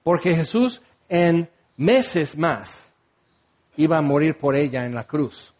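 A man's voice: fairly high pitch, very animated, slow pace, a little mellow. A man preaching a sermon with passion, putting direct questions to his listeners and acting out the words of biblical figures.

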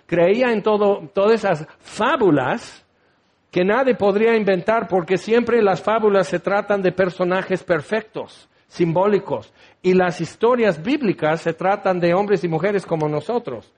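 A man's voice: sits high, measured pace. A man preaching a sermon in a tent, dramatically acting out the voices in scripture.

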